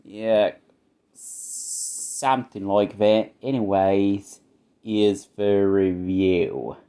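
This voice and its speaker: A man drawls slowly through a comedic introduction, his words slurred as though he were drunk. His voice is dark and mellow. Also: on the low side, steady tone. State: acting drunk. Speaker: film reviewer.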